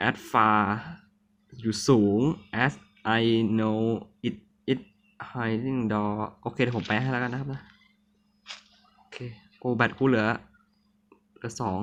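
Jumpy sick-sounding man playing a horror game. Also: mid-range voice. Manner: jumpy, nervous, apologetic, talks to himself. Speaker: gamer. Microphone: phone mic.

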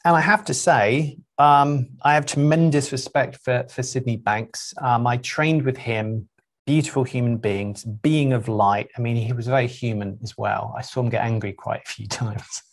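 A middle-aged man, a spiritual teacher, speaking to a group in an unhurried, reflective way with frequent pauses and 'um's. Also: medium pitch, fairly even intonation, vocal fry.

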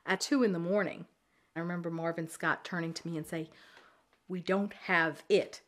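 A woman's voice: fairly low pitch, steady tone, moderate pace. A woman interviewed for a documentary, telling the story with dramatic emphasis. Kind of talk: interview recollection.

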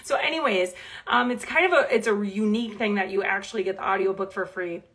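A woman's voice: mid-range voice, brisk, fairly bright tone. A young woman with a Minnesota accent hosting a live stream, chatting enthusiastically, reading viewer comments aloud and leading a spoken prayer. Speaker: Bible teacher and author hosting a live stream.

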